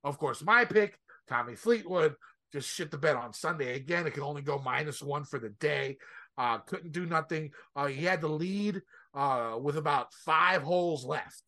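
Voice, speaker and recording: A man's voice: a little high, normal speed, bright, forceful tone. A man co-hosting a golf podcast, giving a casual, stop-start, rambling recap of tournament play. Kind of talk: casual sports recap commentary.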